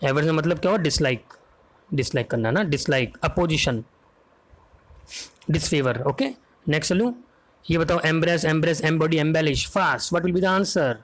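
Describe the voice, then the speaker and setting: Man, online tutor, spells words aloud, coaxing, slightly high pitch. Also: animated, moderate pace, pauses often. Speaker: exam vocabulary teacher. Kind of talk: online exam prep lesson.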